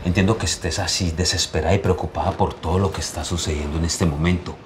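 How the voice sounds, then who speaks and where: A man's voice: low-pitched, fairly even intonation, fast talker, noisy background. A man acting in a scripted short drama, insistent and pleading.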